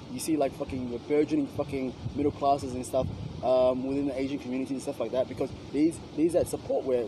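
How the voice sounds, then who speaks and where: Man, rapid rambling talker, heavy cursing, traffic noise behind, co-host in casual chat. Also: medium pitch. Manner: rambling, heavy swearing, many fillers.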